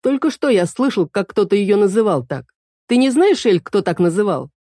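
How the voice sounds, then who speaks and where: Cheeky youth, offhand and teasing; low, mellow tone in a dry close sound, woman reader. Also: sing-song, moderate pace, no echo. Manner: mocking, offhand. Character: teasing young man, cheeky and joking.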